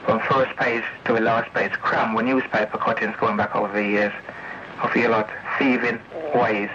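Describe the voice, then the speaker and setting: Over a noisy, muffled vintage CB radio link, an English man with a lowish voice keeps a level tone at moderate pace, bright and forceful. He's furious, ranting repetitively and confrontationally with frequent swearing.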